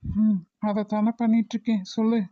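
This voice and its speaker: A performer playing a calm, firm husband in a cartoon, with a Kongu Tamil accent, who talks in a measured, lecturing and reassuring way. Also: mid-range voice, no room sound, natural voice. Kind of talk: cartoon voice acting. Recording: dull dry lo-fi recording.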